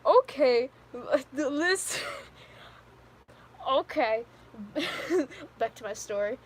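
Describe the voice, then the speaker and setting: A woman's voice: high-pitched, animated, extremely slow, husky. Giggly fifteen-year-old girl rambling. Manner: giggly, rambling storyteller with many "like"s. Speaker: live streamer. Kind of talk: casual live stream chat with viewers.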